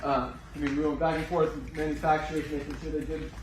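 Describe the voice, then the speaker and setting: A man's voice: fairly high pitch, flat delivery, fast. A man giving a casual promotional tour as a company owner, with an informal, salesy way of talking. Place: indoor warehouse. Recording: echoey, noisy room, distant mic.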